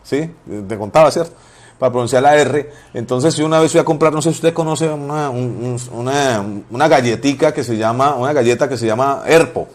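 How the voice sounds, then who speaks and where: A man's voice: medium pitch, brisk. A man, preaching informally as a pastor, telling personal stories and repeating phrases for emphasis.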